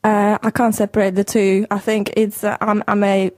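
A woman's voice: medium pitch, level tone, normal speed, darkish tone, dry recording, studio quality. Woman guest with a Slovakian accent. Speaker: guest artist, painter and sculptor. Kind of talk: live radio interview chat.

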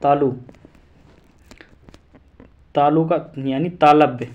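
A man's voice: on the high side, steady tone, extremely slow, a little mellow, dull audio. A man teaching an exam-prep lesson, repeating syllables and memory rhymes aloud to drill them in.

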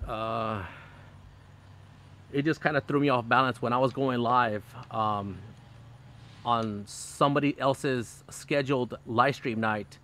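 A man's voice: mid-range voice, fairly even intonation, slow, long pauses, pushed and bright. A middle-aged man hosting a fishing channel, chatting casually on a live stream from his backyard, with plenty of fillers, restarts and bursts of laughter. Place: outdoors in a backyard under a canopy. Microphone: phone camera close up.

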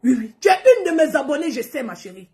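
A social media personality delivers an angry rant straight to camera, her voice high, very animated, warm, and fast. She scolds and confronts her followers, often repeating herself.

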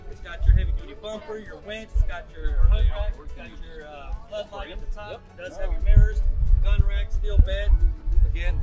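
A man in his forties walking through farm vehicles at an outdoor show, pitching each one in a casual, filler-heavy way. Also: lo-fi sound. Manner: casual, repeats "it does have", filler-heavy. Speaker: product rep at a farm show. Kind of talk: walkaround sales pitch. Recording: music playing behind.

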